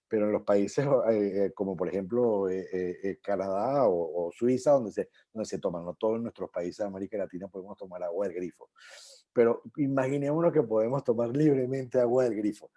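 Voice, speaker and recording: A man's voice: medium pitch, mellow. A man from Venezuela, speaking as a panelist on an online panel, explaining at length with many restarts and fillers.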